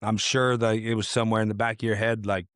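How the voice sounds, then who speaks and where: A man's voice: fairly low pitch, little pitch movement, fast, a bit bright, clear, resonant tone, no room sound, clean studio sound. A man hosting a casual interview podcast, laid-back and full of fillers like "you know" and "man.". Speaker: podcast host and coach.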